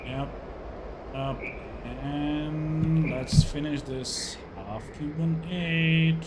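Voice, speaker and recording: Male sim pilot doing airshow commentary, measured slow delivery, clipped running narration, noisy background. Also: fairly high pitch. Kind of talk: live commentary while flying a flight simulator.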